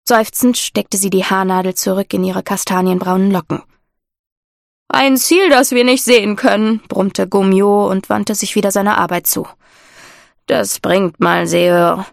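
A woman giving steady, scripted narration of a fantasy audiobook. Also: medium pitch, no echo, studio quality.

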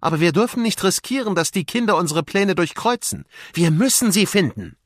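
A man's voice: high voice, big pitch swings, brisk, dry recording, studio quality, voice pushed up. A man voicing a sinister old male vizier sorcerer, murmuring and commanding, for a storybook reading. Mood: menacing.

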